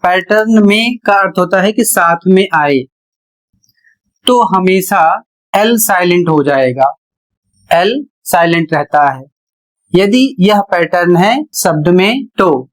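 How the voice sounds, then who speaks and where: A male teacher giving a pronunciation lesson, spelling words out letter by letter and explaining each rule slowly. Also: high-pitched, animated. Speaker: English teacher.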